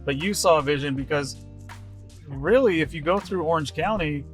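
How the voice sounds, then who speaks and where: A man's voice: on the high side, normal speed, soft background music. A man with an American accent hosting a podcast interview in an informal, conversational way. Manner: informal, conversational, self-deprecating. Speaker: podcast host. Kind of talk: casual interview chat.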